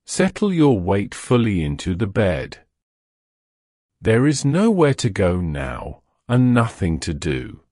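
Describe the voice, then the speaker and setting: A man talks a listener down into sleep in a slow, unhurried voice. His pitch swoops widely, rising and sinking as he draws out each instruction. The sound is close and dry, with no room around it. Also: wildly swooping pitch, darkish tone, no room sound. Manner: slow, soothing, drawn-out delivery. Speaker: sleep hypnosis guide. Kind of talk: guided relaxation script.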